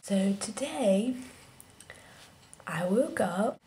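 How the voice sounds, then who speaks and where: A woman vlogger who has lost her voice, talking to her viewers in a hoarse, half-whispered, downcast way. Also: medium pitch, expressive, dark tone, a little hiss or hum. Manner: half-whispered, breathy talk; slow, downcast. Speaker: singer vlogger. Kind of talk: casual update to viewers. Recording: echoey room.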